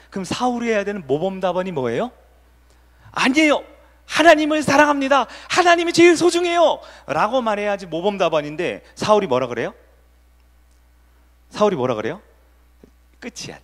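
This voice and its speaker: A male pastor preaches a sermon in a conversational way and keeps putting questions to the congregation. His voice sits fairly high and moves a lot. A long church-hall reverb trails every line. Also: fairly bright tone. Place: church sanctuary.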